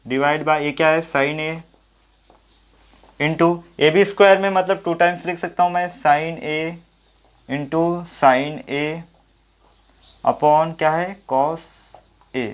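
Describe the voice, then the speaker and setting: A man's voice: fairly high pitch, clean tone. A man teaching a maths lesson at the board, thinking aloud and answering his own questions step by step. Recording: dull lo-fi audio.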